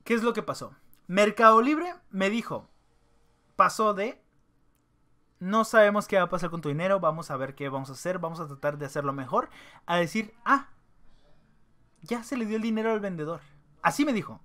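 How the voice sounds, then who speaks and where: A man's voice: high voice, pushed and bright. A young man with a Mexican accent, telling a rambling, slangy story as a vlogger, with many fillers and restarts. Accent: Mexican Spanish. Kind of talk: casual storytelling rant.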